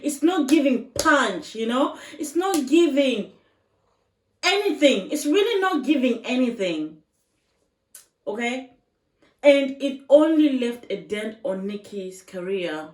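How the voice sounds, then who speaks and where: Her voice high-pitched and sing-song yet darkish in tone, a woman vlogger slowly gives casual, emphatic opinions on online videos she's reacting to, repeating points and throwing out rhetorical questions. She's far from the mic, and the recording carries a roomy echo.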